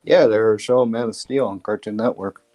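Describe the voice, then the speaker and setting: A man keeps jumping in with excited remarks during a casual chat. Faint music plays behind him. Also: fairly low pitch, brisk. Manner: excitable interjections. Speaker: stream participant.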